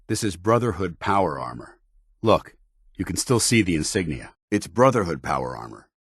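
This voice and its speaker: A stern, loyal paladin soldier in a video game. His voice is deep and gruff, a little husky, recorded dry and close. He speaks in clipped, commanding, formal military phrases. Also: sing-song, moderate pace, a bit bright, no echo, exaggerated voice. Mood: steady, businesslike. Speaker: military companion character.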